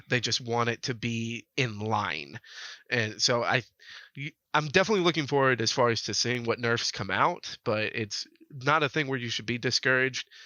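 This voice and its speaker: A man's voice: medium pitch, bright, forceful tone, no echo. A man co-hosting a casual gaming podcast, playful and joking as he talks. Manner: playful, joking, quick to laugh. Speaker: podcast co-host.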